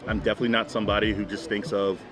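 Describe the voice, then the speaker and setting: A man's voice: on the low side, level tone, rapid-fire. A man in his twenties in casual couples chat, rambling and emphatic, often repeating himself to press his point. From Florida, United States. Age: 20s. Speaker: boyfriend in couples Q&A vlog.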